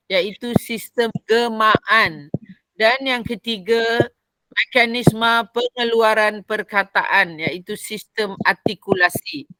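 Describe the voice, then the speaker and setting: A woman's voice: medium pitch, sharp tone, no echo, low-quality recording. A woman with a Malaysian Malay accent, teaching a Quran recitation voice class in an explanatory lecture, repeating key phrases as she goes.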